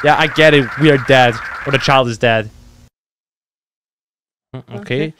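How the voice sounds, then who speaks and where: A young adult man, a YouTube reaction host, gives casual, exclamatory, sweary commentary in a home gaming room, speaking into a close desk mic on a boom arm. His voice is mid-range with fairly even intonation and a moderate pace, and there's background noise.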